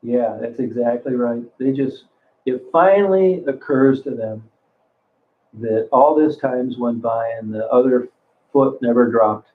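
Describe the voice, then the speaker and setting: A man in his sixties hosts a livestream and reads the chat in an unhurried, mid-range voice. He rambles casually, swears a lot, and keeps restarting sentences. The audio is narrow and phone-like.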